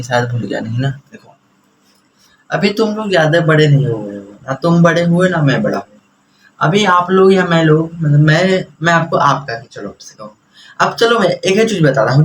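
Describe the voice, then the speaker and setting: A man's voice: a little high, slight background noise, rough recording. A young man teaching a class in a chatty, lecturing way, mixing English words into his explanations.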